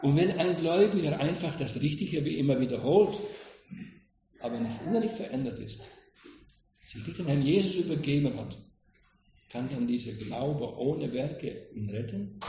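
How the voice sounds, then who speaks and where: A male preacher expounding scripture in a lively, questioning way, his pitch swinging widely and sitting a bit high. He talks directly to his listeners. The recording is roomy and echoey, with a faint background hiss. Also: normal speed. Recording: echoey room with faint noise.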